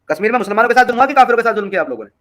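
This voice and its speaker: Male debate host, raised pitch, insistent and repetitive in his questions. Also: expressive, a bit bright, dry recording. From India. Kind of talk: heated live debate.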